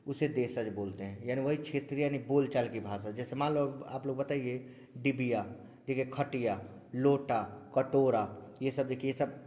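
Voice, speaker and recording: A man's voice: mid-range voice, fairly even intonation, normal speed, a little mellow. Male teacher for a classroom grammar lesson; drills points with repetition, echoing hall sound. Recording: long hall reverb.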